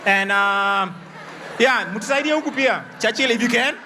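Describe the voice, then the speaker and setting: A man from South Sudan speaking from the audience, hesitant with many fillers and throat-clearing, over loud crowd noise. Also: extremely high pitch, normal speed. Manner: hesitant, many fillers, mixing Swahili slang. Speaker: audience member.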